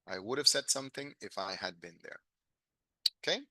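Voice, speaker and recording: A man teaches a live online English class, working through grammar step by step and moving back and forth between Spanish and English examples. His voice is bright and forward, and it sounds dry and close, with no room around it. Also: medium pitch, animated, unhurried, dry recording.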